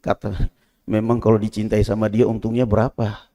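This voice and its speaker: A man preaching a sermon, swinging from loud, high exclamations to low, quiet asides. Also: level tone, moderate pace. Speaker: Islamic preacher. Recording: long hall reverb.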